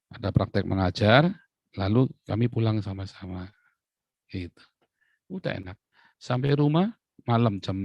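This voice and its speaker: Middle-aged male pastor, low-pitched, joking sermon storyteller, dry mic. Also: gravelly, dry recording. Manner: lively, joking storyteller who laughs often. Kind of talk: sermon with personal anecdotes.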